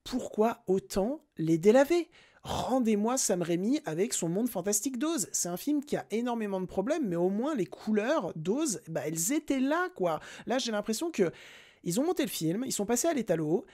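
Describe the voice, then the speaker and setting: A young man giving a casual, animated and emphatic film review on his podcast. He talks straight to his listeners. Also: sits high, moderate pace.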